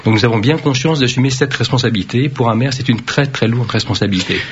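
A man who serves as a mayor, answering interview questions firmly and deliberately, with frequent hesitations. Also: medium pitch, slight background noise. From Vietnam. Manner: firm, measured, with frequent hesitations. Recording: dull lo-fi radio recording.

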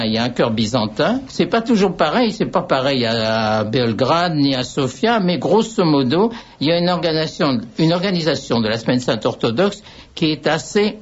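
A man's voice: on the high side, breathy edge. An older man with a slightly raised voice speaks as a radio guest, wandering from one anecdote to the next with wry asides. The sound is a little dull, like an old radio broadcast. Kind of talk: radio conversation.

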